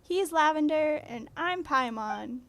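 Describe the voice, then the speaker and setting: A woman voicing an excitable, indignant little companion character from a video game. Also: sits high, slow pace, heavily acted. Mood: matter-of-fact.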